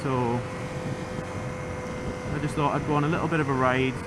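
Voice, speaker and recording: A man's voice: medium pitch, level tone, moderate pace. A man talking inside a motorbike helmet, chatting casually and rambling along like a vlogger as he rides. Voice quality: muffled, enclosed sound of speaking inside a helmet. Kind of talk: casual chat while riding. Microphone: microphone inside a helmet. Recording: loud wind, engine and road noise.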